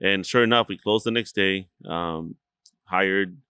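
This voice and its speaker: A man's voice: low voice, measured pace, pushed and bright, clear, resonant tone, no room sound. A man from Chihuahua, Mexico, a restaurant co-owner talking casually as a podcast guest, rambling with lots of fillers and swearing freely.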